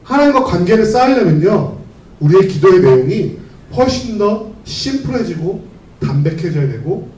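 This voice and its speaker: A man preaches to a youth group in a high, animated voice, asking many rhetorical questions. He speaks conversationally and tells stories as he goes. The church hall is roomy, and the mic is some distance from him. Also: moderate pace. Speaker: pastor. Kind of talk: youth sermon with storytelling.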